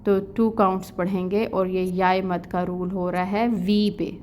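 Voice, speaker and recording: A woman's voice: lowish voice, little pitch movement, darkish tone, slight background noise. A woman with a Pakistani Urdu accent teaching an online tajweed lesson, explaining rules step by step in plain speech. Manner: slow melodic recitation of verses, then plain explaining.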